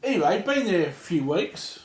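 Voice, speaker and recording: Aussie bloke, slightly high voice, slangy and sweary podcast storyteller, echoey room. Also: male voice, very animated, normal speed, slight background noise. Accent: Australian. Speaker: podcast co-host telling a gripe. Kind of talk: casual chat and storytelling. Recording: roomy, echoey sound.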